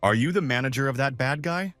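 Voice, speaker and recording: A man voicing a rude bald male hunter who shouts his demands. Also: medium pitch, animated, fast talker, dry recording, soft background music, pitched above the performer's own voice, lightly acted. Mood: angry shouting.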